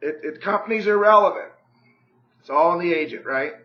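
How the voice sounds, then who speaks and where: Hoarse high-voiced man pitching on a call. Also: fairly quick, reverberant, lo-fi sound. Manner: persuasive, pushy, repeats "okay?" and "right?"; clears throat often. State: hoarse, losing his voice. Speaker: real estate agent on a sales call. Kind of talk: phone sales call.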